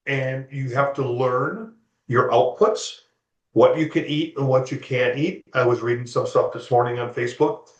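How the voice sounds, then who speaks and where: A man's voice: medium pitch, normal speed. Man, interview guest, casual rambling talk, echoey room, dull lo-fi sound. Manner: rambling, repeats "you know" often.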